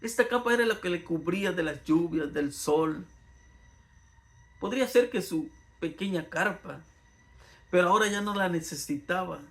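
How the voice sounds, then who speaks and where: A man delivers a Bible lesson in an earnest sermon style. His voice sits high for a man and carries a gravelly, creaky texture. He lifts and drops it for emphasis as he teaches. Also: expressive, moderate pace, a bit bright. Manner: earnest, rising and falling with emphasis.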